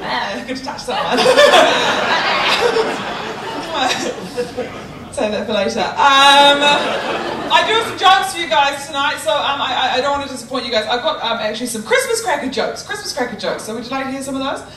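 A woman's voice: high-pitched, very animated, normal speed, distant mic, heavy background noise. A young woman with a New Zealand accent performing a chatty, self-mocking stand-up comedy set on a theatre stage. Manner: chatty, self-mocking, bursts into loud shouting. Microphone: handheld mic. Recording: roomy theatre sound with crowd laughter. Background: audience laughing.

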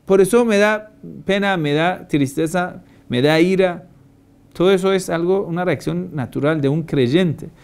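A man's voice: sits high, a little slow, a little mellow, clear, resonant tone. A male cleric gives a religious lecture, stressing his points with repeated phrases and rhetorical questions. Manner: asks many rhetorical questions. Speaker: Shia cleric.

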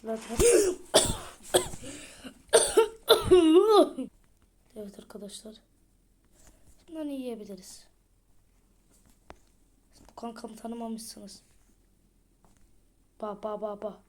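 A woman, commentating a horror game as she plays, muttering to herself with sudden loud outbursts. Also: mid-range voice, fairly even intonation, unhurried, long pauses. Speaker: gaming streamer. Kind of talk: let's play commentary.

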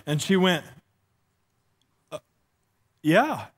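Extremely slow and sing-song, this high-pitched male voice belongs to a middle-aged pastor with a lisp. He preaches a humorous sermon on a church stage, walking and gesturing while telling self-deprecating stories with acted-out dialogue.

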